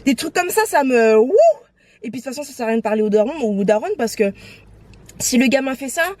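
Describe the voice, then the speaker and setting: A woman's voice: high-pitched, quick pace, no echo. Outspoken young woman vlogging on the go. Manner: animated, outspoken, switches between French and English. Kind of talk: casual vlog chat.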